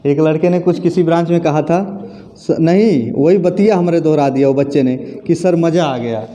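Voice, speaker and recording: A man's voice: a little high, normal speed, mellow, highs cut off. A male teacher, leading a classroom grammar lesson, asking questions, then repeating the answers aloud. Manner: calls students friends and sister, asks and repeats answers.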